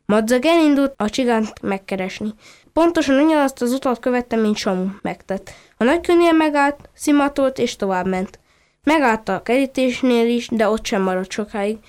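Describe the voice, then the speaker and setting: A woman reading a children's story aloud in a gentle, steady storytelling manner. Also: fairly high pitch, clear, resonant tone.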